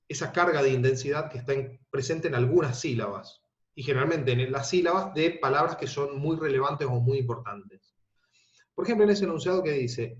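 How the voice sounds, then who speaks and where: A man of average pitch teaches grammar to students he cannot see. He explains step by step, stumbles and rephrases as he goes. His voice comes through a roomy, slightly lo-fi recording. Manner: explanatory, repeats and rephrases, frequent "¿no?" and "¿sí?" checks; halting restarts and fillers. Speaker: language and literature teacher. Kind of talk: recorded online grammar lesson. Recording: echoey room, dull lo-fi sound.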